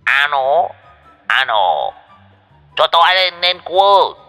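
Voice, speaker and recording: A shrill, high-pitched old drunk with a pompous, stammering sales patter. He swings wildly up and down in pitch as he orates in this storybook tale. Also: sing-song, slow pace, bright, forceful tone, faint music behind, exaggerated voice. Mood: mock-grand pitch. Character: wild drunk old man hawking coffins.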